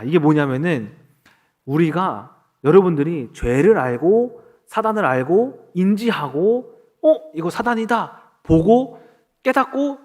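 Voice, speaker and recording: A pastor in his thirties delivers a sermon, shifting into little acted-out exchanges to make his point. His voice sits a bit high for a man. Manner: animated preaching, acting out quoted dialogue.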